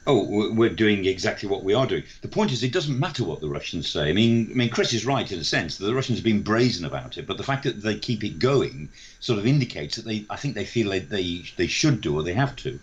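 Animated older British man, slightly dull sound. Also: lowish voice, quick pace, few pauses. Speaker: defence expert guest, professor. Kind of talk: spontaneous news analysis.

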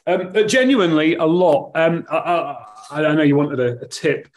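A man's voice: on the high side, moderate pace. A man speaking as a podcast guest in casual chat, with dry, self-deprecating joking. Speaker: podcast guest, poker author.

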